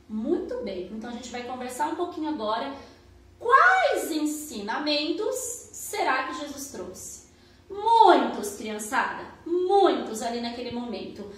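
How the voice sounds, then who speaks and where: A woman's voice: sits high, big pitch swings, a little slow, fairly bright tone. A woman who teaches at a children's church service. She tells a Bible story in a sing-song, coaxing way and keeps asking the children questions. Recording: very echoey room.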